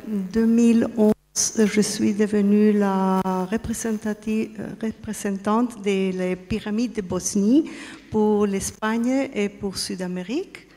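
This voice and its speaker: A woman with a foreign accent in French, halting and searching for words in an imperfect, non-native French as she speaks informally at a conference. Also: medium pitch, fairly even intonation, warm tone. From Austria and Spain. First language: not French. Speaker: guest speaker, pyramid site representative. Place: conference hall. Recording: echoey hall with long reverb.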